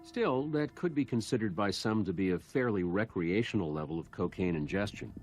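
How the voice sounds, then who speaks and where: An actor playing a genial, chatty medical examiner in a video game, with dry humor about gruesome findings. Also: male voice, lowish voice, animated, a little fast, darkish tone, close to an everyday voice. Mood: genial, wry. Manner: chatty, dryly humorous, matter-of-fact about gruesome details. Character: genial, wry male medical examiner in a morgue. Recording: game dialogue with clear music underneath.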